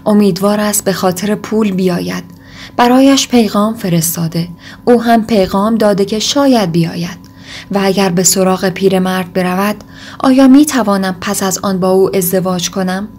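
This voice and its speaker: Brief: audiobook, woman reading an agitated young man, intense, mid-pitched. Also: darkish tone, soft background music, natural voice. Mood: brooding.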